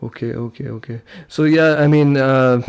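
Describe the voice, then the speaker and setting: A young man hosting an online robotics meetup, talking casually and relaxed, with frequent "like" and "uh". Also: medium pitch, normal speed, creaky, smooth. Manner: relaxed, uses "like" and "uh" often. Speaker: meetup host and presenter. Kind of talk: casual online meeting discussion. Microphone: computer mic on a video call.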